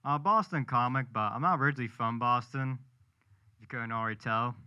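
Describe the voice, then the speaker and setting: A young male comedian from New Hampshire works through a stand-up set with dry, self-mocking punchlines. His voice is bright and clean. The recording is a bit dull in the highs. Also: quick pace, clean tone. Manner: self-deprecating, punchline delivery. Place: live comedy show with audience.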